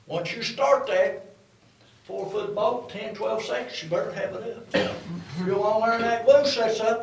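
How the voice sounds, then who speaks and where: Older male tour guide, Appalachian, high-pitched old-prospector storyteller, recorded at a distance in an echoey space. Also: creaky. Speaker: coal mine tour guide, former miner. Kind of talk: informal guided tour talk. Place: underground exhibition coal mine. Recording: echoey mine tunnel, distant mic, faint noise.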